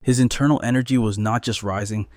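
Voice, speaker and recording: A man's voice: mid-range voice, fairly even intonation, fast talker, a little mellow, no echo, studio quality. A man narrating a comic recap in a scripted, dramatic storytelling manner.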